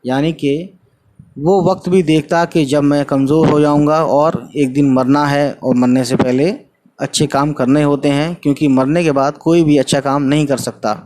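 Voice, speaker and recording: A man's voice: a little high, steady tone, a little mellow. A man teaching an Urdu textbook lesson. He reads a line, explains it in simple words with some English mixed in, and checks in with his students.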